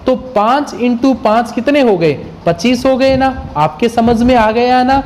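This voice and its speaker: A man's voice: very high-pitched, unhurried, darkish tone, slight background noise. A man teaching Sanskrit grammar in a classroom lecture. He asks his students questions, answers them himself, and sounds out letters one at a time.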